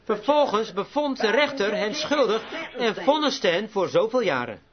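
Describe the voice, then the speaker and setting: Preacher, male, high voice, fervent and emphatic sermon. Dull lo-fi recording with the congregation audible. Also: lively intonation, normal speed, crowd noise. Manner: emphatic, rising to exclamations.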